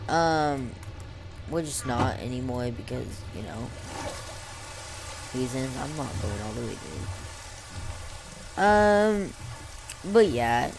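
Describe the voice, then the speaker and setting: A woman's voice: a bass voice, expressive, slow pace, pauses often, poor audio. A young girl chatting casually and unscripted as a vlogger, rambling in slang with some stuttering and an impediment that turns R sounds into W. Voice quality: speech impediment on R sounds, says w for r. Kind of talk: casual unscripted life-story chat over gameplay.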